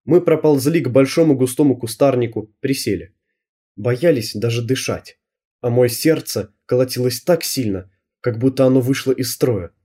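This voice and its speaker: A man narrating an audiobook in a lively storytelling manner. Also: medium pitch, normal speed, breathy edge. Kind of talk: scripted narration.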